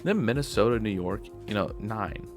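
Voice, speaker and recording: Over music, a sports video host with a fairly low, animated voice gives his weekly predictions at a normal speed. He sounds tired and offhand, yawning as he talks, rambling and correcting himself along the way.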